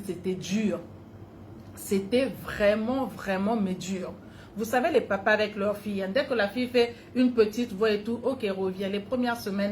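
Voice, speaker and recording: A woman's voice: mid-range voice, slight background noise. A woman coach giving a motivational talk, telling her own childhood story and speaking directly to her listeners. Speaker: personal development coach.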